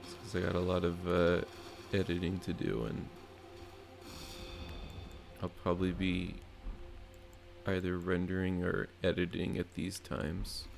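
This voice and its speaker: Deep, gravelly man in laid-back chat. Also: measured pace, pauses often, faint music behind. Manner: relaxed, laughs often. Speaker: video editor. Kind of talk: casual gaming chat.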